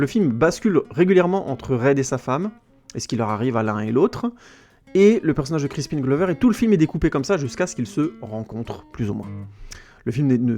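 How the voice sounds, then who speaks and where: A man's voice: mid-range voice, a little mellow. Chatty man reviewing a film. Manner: chatty, digressive, with restarts and searching for words. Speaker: film critic podcast host. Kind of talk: casual spoken film review.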